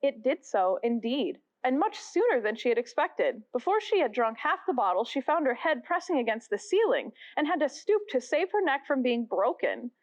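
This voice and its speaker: A woman reading a children's classic aloud as a guest reader, with animated storytelling. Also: high voice, normal speed, few pauses. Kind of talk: expressive read-aloud narration.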